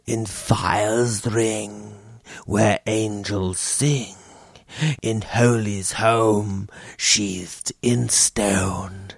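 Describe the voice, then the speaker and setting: A male audiobook narrator voicing an old fanatical sorcerer priest who speaks low and breathless, in a whispery, gravelly way. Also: no echo, studio quality, heavily acted. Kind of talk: audiobook character reading.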